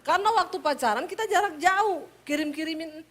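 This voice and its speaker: A woman's voice: extremely high pitch, a little fast, a bit bright. A middle-aged woman pastor from Sulawesi with a Sulawesi Indonesian accent, preaching a humorous sermon in a punchy, teasing storytelling manner.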